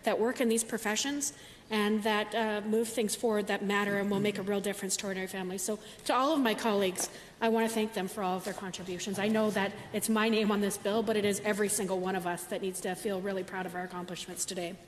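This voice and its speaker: A woman's voice: mid-range voice, fairly even intonation, fast talker. A woman government minister giving an earnest floor speech in a legislative chamber, with frequent filler sounds. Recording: long hall reverb with faint noise.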